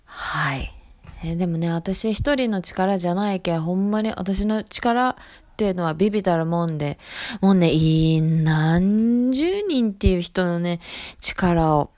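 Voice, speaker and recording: A woman with a Hiroshima accent chatting casually on her voice blog as a shop salesperson, relaxed and talkative. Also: lowish voice, measured pace. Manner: chatty and relaxed, dialect thickening as she loosens up.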